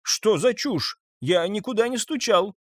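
A man's voice: high-pitched, animated, measured pace, no room sound, voice pushed up. A man playing an agitated, defensive man brushing off accusations. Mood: indignant. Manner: indignant, flustered.

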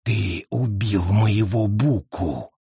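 Male reader doing a cold, slow-spoken vengeful witch with a hiss; dry, close voice. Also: on the low side, gravelly, mellow, breathy edge, no echo, pitched below the performer's own voice, heavily acted. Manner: slow, hissing, menacing.

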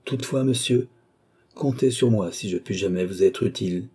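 A man voicing a commanding, mysterious count in an audiobook, giving firm, measured orders. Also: fairly low pitch, dark tone, slightly rough. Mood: imperious.

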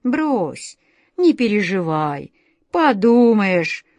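A woman voicing an excitable male tomcat wizard who talks in a fussy, pleading, and then threatening way, reading slowly in a dry recording. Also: medium pitch, no echo, heavily acted. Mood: soothing.

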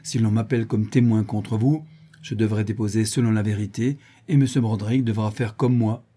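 A stern middle-aged country lawyer, read by a man in an audiobook presses his questions one after another, coldly and without mercy. The voice is warm and mellow, with a husky grain. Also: on the low side, fairly even intonation, fairly quick. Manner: cold, hammering cross-examination.

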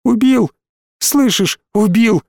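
A man reading a story aloud, voicing a frightened young boy who pleads in a high, tearful, near-sobbing voice. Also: moderate pace, a little mellow, no room sound, studio quality, natural voice. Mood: tearful pleading. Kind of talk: audiobook character voice.

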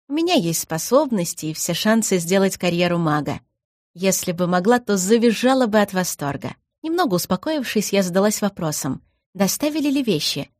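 A woman's voice: medium pitch, a little mellow, no echo, studio quality. Woman reading a first-person story. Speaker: audiobook narrator. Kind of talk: scripted first-person narration.

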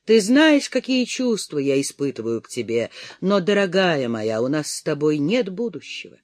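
A torn young gentleman in an audiobook speaks low, muffled and restrained, voiced by its reader. His tender words carry held-back anguish, and his lines still rise and fall with feeling. The recording is dry and close. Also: big pitch swings, normal speed, no echo. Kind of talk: audiobook character voice.

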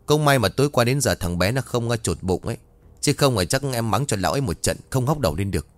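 A man's voice: mid-range voice, expressive, quick pace, dry recording, lightly acted. A male storyteller voicing a middle-aged woman who runs a café, scolding and gossiping in a horror audio story. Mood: gossipy.

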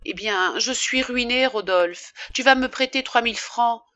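A woman's voice: a little high, measured pace, dry recording, highs cut off, pitched above the performer's own voice. A woman voicing a desperate young wife pleading with her former lover, in a dry audiobook reading. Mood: urgent. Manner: pleading, rising and forceful when upset. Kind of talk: audiobook character voice.

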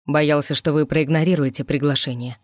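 Smooth flirty stranger guy in a storybook, read by a woman, low voice, slow and teasing, dry close sound. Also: fairly even intonation, darkish tone, dry recording, lightly acted. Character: mysterious confident flirtatious man.

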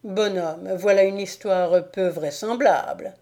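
A woman voicing a blunt, skeptical knight in a storybook, speaking slowly and plainly with a mellow, dark tone. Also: mid-range voice. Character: armored male knight, skeptical and direct.

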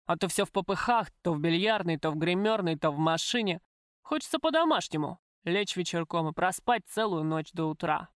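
A woman's voice: lowish voice, animated, fairly quick, no echo, studio quality, pitched below the performer's own voice, natural voice. Woman voicing a crude, menacing crime boss. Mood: coaxing. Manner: crude, wheedling then threatening. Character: coarse possessive middle-aged male crime boss lover. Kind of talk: audiobook character voice.

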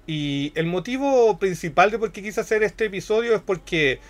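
Chilean male podcast host, thirties, slightly high voice, chatty and slangy. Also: animated, normal speed. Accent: Chilean Spanish. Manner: chatty, slangy, explains at length. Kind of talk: casual podcast chat.

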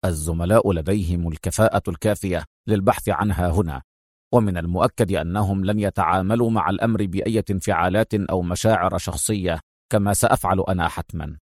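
A man's voice: normal speed, a little mellow, no echo, studio quality. A man voicing a composed secret agent who speaks firmly and with restraint, in an audiobook. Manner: firm, low, restrained. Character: firm, composed male secret agent hero. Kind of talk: audiobook character voice.

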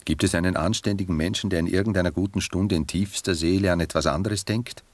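In a German radio drama, an actor voices a cultured, melancholic gentleman poet, speaking in a low voice with no echo. His manner is measured, courteous and reflective, and the mood is musing.

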